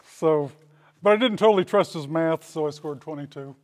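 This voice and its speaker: A man in his sixties, close to seventy, speaks at a podium microphone in a brick-walled school hall while accepting a hall of fame honor. His voice is fairly high and darkish, at a normal pace, with a slight hiss or hum. He tells old stories in a folksy way with dry humor.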